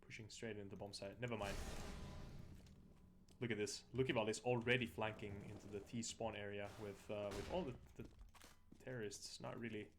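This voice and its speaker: A man giving casual, somewhat halting esports commentary over a video game match. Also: on the low side, fairly even intonation, noisy background. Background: in-game audio bleeding through.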